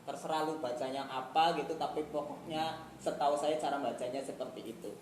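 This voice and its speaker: A woman's voice: sits low, steady tone, brisk, darkish tone. Chatty woman teacher in an echoey room. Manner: chatty, acts out little scenes with peers. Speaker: youth teacher. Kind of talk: casual classroom teaching. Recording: echoey room with faint noise.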